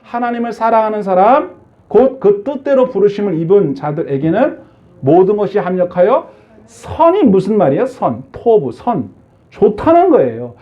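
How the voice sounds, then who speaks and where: Lively high-voiced male pastor preaching. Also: moderate pace, muffled recording. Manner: asks the congregation many questions, acts out quoted voices. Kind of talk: sermon.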